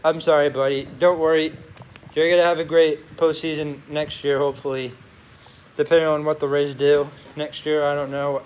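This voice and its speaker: A man's voice: fairly high pitch, flat delivery. A young man chatting casually as a sports vlogger in a locker room, rambling and often correcting himself. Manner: halting, rambling, self-correcting. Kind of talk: casual chat to camera. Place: locker room beside a noisy gym. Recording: noisy locker room ambience.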